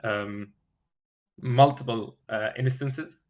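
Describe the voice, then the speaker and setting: Halting man thinking aloud through a design. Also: mid-range voice, a little mellow, highs cut off. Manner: halting, searching for words with many filled pauses and repeated starts. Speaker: engineering candidate in a mock system design interview.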